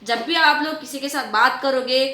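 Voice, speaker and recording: A woman teacher explaining a writing lesson to children, repeating and stretching out example words slowly. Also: high voice, bright, forceful tone, reverberant. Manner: repetitive, drawn-out word demonstrations, addresses children often.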